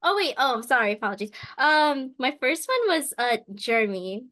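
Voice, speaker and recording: A woman's voice: sits high, big pitch swings, normal speed, sharp tone. A woman contestant chatting casually over a video call, bubbly and laughing often as she rambles. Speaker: game show contestant. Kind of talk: casual chat.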